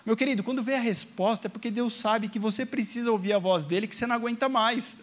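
A man from Brazil preaches to his congregation, weaving a personal testimony into the sermon. His voice sits high for a man, and he keeps addressing the listeners directly, asking them for an amen. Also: fast talker. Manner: storytelling, acting out his own past prayers and quotes. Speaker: pastor.

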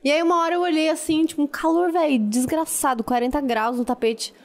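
A woman in her thirties with a Brazilian Portuguese accent, a podcast co-host telling stories in casual chat, lively and quick, acting out quotes with casual swearing. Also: high-pitched.

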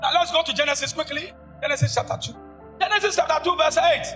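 A man preaching in church with a strikingly high, bright and piercing voice. He shouts his points and keeps calling out to the congregation for answers. Faint music plays behind him. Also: quick pace. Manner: shouting, call-and-response preaching. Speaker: pastor. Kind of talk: sermon. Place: church service.

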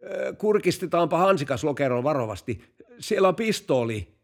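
A cautious police chief who edges forward and hesitates before he speaks, then ponders the puzzle aloud, as a man puts him on. His voice sits raised above plain speech and moves freely in pitch. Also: big pitch swings, a bit bright. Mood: wary.

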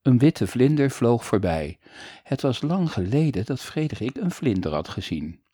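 Expressive, husky male storyteller. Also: mid-range voice, normal speed, no echo, clean studio sound. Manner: expressive, shifting between lively and hushed. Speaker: audiobook narrator. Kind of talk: storybook reading for children.

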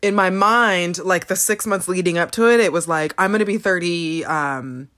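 A woman's voice: fairly low pitch, normal speed. A woman in her thirties hosting a podcast, chatting casually and telling stories with lots of laughs. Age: 30s. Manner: giggly, rambling, animated storytelling. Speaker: podcast host. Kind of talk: casual chat.

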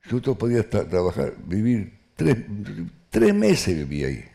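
Older man, deep gravelly voice. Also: huge pitch swings, warm tone. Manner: halting, with restarts and acted quotes. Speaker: Holocaust survivor giving testimony. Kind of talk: personal testimony.

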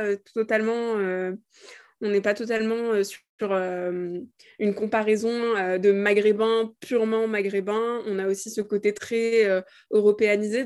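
A young woman from Morocco talks as a podcast guest at a medium pitch. She weighs her words and pauses often. It sounds like a casual, reflective discussion. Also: darkish tone. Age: 20s. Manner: thoughtful, many hesitations.

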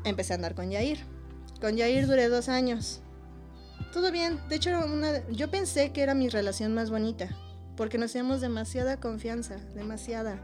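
High-voiced Mexican woman telling stories. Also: brisk, soft background music. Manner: animated storytelling, laughs often. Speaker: podcast guest. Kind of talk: casual chat.

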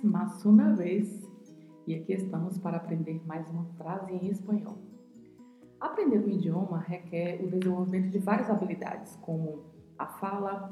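A woman with a Brazilian Portuguese accent hosting a podcast Spanish lesson, explaining pronunciation patiently and slowly. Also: on the low side. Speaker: podcast host, Spanish teacher. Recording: roomy echo with soft music.

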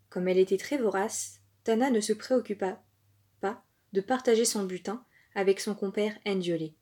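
A woman narrating an African folk tale for children in a calm, expressive storytelling voice. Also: mid-range voice.

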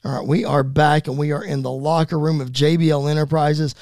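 A man calling a fantasy wrestling show as play-by-play commentator, rapid-fire and rising to excited shouts at the big moments. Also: fairly high pitch, dry recording.

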